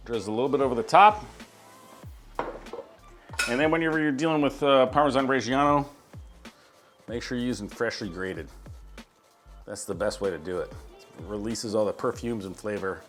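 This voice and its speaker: A man hosting a casual cooking demonstration in a kitchen, talking through each step in an easygoing way with frequent filler sounds. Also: mid-range voice. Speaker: chef hosting a cooking demo.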